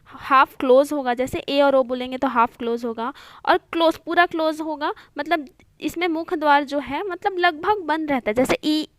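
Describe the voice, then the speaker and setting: A young woman with a high voice teaches an online Hindi grammar lesson, and the recording is close and dry. She explains patiently, often checking in with her listeners, and mixes English words into her Hindi. Her delivery is steady and repetitive, as in a classroom. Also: normal speed, no room sound. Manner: patient, repeats points with frequent "theek hai" checks.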